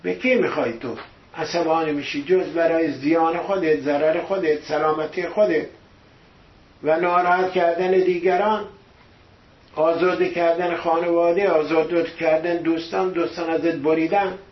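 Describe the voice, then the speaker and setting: A man's voice: on the high side, fairly even intonation. A man preaching a sermon who keeps putting rhetorical questions to his listeners. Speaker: religious teacher. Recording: echoey, dull lo-fi room recording.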